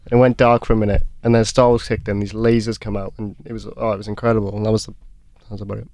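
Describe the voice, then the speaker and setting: A man co-hosting a casual film podcast, chatty and quick to laugh. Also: fairly low pitch, level tone, darkish tone, no echo. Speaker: podcast co-host. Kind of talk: casual chat among friends.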